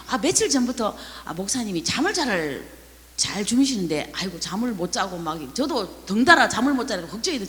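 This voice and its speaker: An older woman, a pastor's wife giving a heartfelt, animated church testimony in a large worship hall. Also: medium pitch. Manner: animated, heartfelt storytelling with laughs. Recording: long hall reverb.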